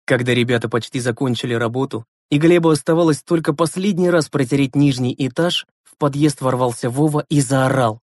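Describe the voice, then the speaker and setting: A man's voice: medium pitch, fairly quick, few pauses, darkish tone, no room sound. Man narrating a story, dry close sound. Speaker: audiobook narrator. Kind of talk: scripted narration.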